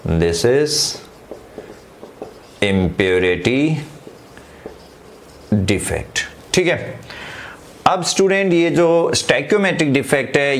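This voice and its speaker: A man teaching chemistry. He mixes English terms into Hindi, often checks in with his students and dictates headings slowly. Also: mid-range voice. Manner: slows right down to dictate headings. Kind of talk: online class lecture.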